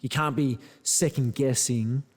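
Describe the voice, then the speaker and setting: A man's voice: medium pitch, fairly even intonation, a little slow. Blokey Antipodean man in an echoey room. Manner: blokey, slangy, swears freely. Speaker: podcast host. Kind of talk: casual chat. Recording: echoey room with long reverb.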